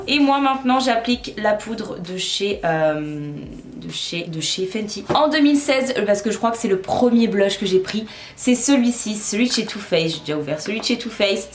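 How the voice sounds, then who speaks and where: A woman's voice: mid-range voice, slight background noise. A young woman chatting casually through a makeup tutorial, self-mocking and talking while she works. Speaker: beauty vlogger. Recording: echoey room, faint music.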